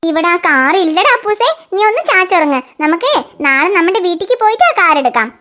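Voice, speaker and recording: A woman's voice: extremely high pitch, expressive, fast, sharp tone, exaggerated voice. A woman voicing a fretful young cartoon mother. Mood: coaxing. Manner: coaxing, sing-song, fretful sighs. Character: young mother fussing over her crying toddler. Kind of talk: cartoon dialogue.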